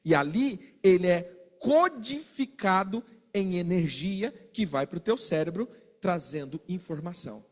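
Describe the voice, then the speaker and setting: A man preaching a sermon, animated, asking his listeners questions and acting out little exchanges. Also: sits high, unhurried, big-room sound. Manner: animated, asks the congregation questions and acts out quarrels.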